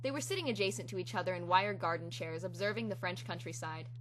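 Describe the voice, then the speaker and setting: A woman's voice: on the low side, fast. A woman giving a theatrical, hammy dramatic reading of fan fiction as its narrator. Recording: clear hum and background noise.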